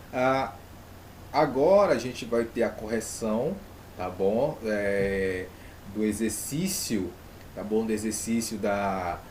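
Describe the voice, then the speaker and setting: A man's voice: mid-range voice, a little mellow, slight background noise. A man with a Brazilian Portuguese accent, teaching an online grammar lesson and putting rhetorical questions to his pupils.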